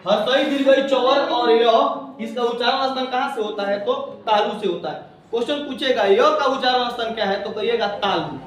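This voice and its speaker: A man's voice: very high voice, moderate pace. A man teaching a grammar lesson, drilling points over and over with call-and-response questions. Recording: very echoey room, distant mic.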